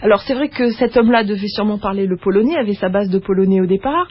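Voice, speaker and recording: A woman's voice: medium pitch, fast talker, husky, no echo. A woman hosting a radio talk show, asking her guests conversational follow-up questions. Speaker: radio host. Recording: dull lo-fi radio recording.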